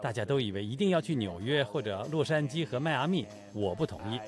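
A man's voice: medium pitch, lively intonation, fast talker, crowd noise. A man giving an earnest first-person voice-over translation of an interviewee, recorded in a booth.

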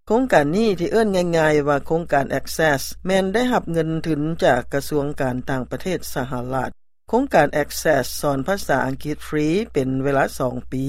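A man's voice: a little high, lively intonation, normal speed, dry recording, clean studio sound. A man with a Lao accent reading a scripted news report as its narrator.

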